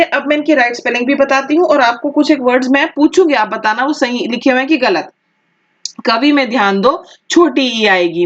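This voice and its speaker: A woman teaching an online exam-prep lesson, carefully dictating words and explaining their spelling, often pausing with "okay". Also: a little high, highs cut off. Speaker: Hindi teacher.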